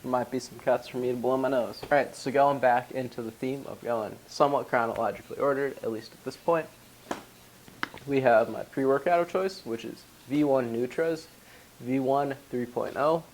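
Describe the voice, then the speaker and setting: A congested young powerlifting vlogger from Wisconsin, USA, slightly losing his voice, casually walks through the gear in his gym bag, chatting about ingredient details. His mid-range voice moves at normal speed, and the rough recording has slight background noise.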